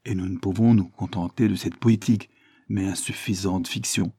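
A man's voice: deep voice, steady tone, moderate pace, mellow, breathy edge, no echo, studio quality. A man reading a story aloud, voicing a retired harbor captain in a raised, urgent, declamatory tone. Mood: grandiloquent.

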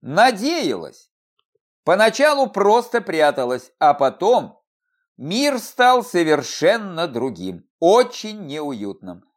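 A man's voice: sits high, wildly swooping pitch, slow, heavily acted. A man reading the part of a cheeky, sulky female salamander spirit in a fantasy audiobook. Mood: wistful.

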